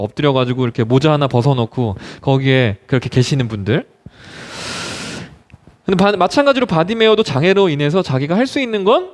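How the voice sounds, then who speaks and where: A male youth pastor preaching a sermon, telling a story with animated drama and asking the listeners questions. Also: a little high.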